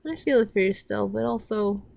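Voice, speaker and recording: A woman's voice: medium pitch, a little fast, creaky, a little mellow. A woman rambling casually through a show, recapping scenes with restarts and getting heated and swearing when annoyed. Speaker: reaction commentator. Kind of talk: casual watch-along commentary.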